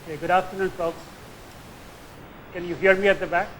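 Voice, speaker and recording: An older man with a Tamil Indian accent lectures in an informal, conversational way. His voice sits a little high for a man, and he often checks in with short questioning tags. A faint hiss runs behind him in the lecture recording. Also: steady tone, moderate pace, a bit bright, poor audio. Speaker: guest lecturer, nuclear engineering professor.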